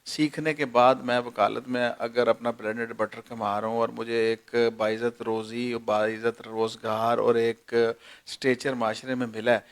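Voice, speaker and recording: A man, a senior advocate giving measured, lecturing answers in an interview and leaning on everyday examples. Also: mid-range voice, little pitch movement. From Pakistan. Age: 40s.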